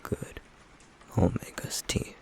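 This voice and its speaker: In an intimate ASMR roleplay, a man plays a stoic, guarded flame demon, murmuring in a breathy, gravelly voice. His delivery is slow, terse and deadpan, close to an everyday voice, and his mood is gruffly caring.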